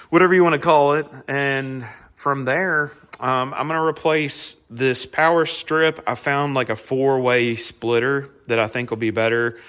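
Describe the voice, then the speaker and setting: Plain-spoken man talking inside a barn. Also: mid-range voice. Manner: plain-spoken, thinking out loud. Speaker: host of a DIY garage channel. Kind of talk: casual hands-on vlog narration.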